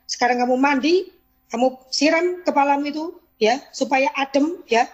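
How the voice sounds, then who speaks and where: A woman's voice: high voice, rapid-fire, a bit bright, dull audio, pitched above the performer's own voice. A woman voicing a blunt male sales leader who scolds harshly. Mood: lecturing. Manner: harsh, mocking, lecturing.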